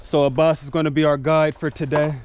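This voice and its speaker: A man in his thirties chatting casually to camera in a relaxed, conversational way while exploring outdoors. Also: fairly high pitch, brisk. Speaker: travel vlogger. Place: outdoors on forest trails and dirt roads. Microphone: action camera at arm's length. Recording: noisy outdoor camera recording, engine and nature ambience.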